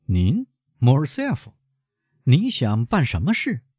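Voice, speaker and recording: A man's voice: mid-range voice, wildly swooping pitch, takes it slowly, a little mellow, slightly rough, no room sound, clean studio sound, voice pushed up, exaggerated voice. A man reading an audiobook, voicing a genial, talkative male newspaper journalist. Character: affable male newspaper journalist, amiable then proud. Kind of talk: audiobook character voice.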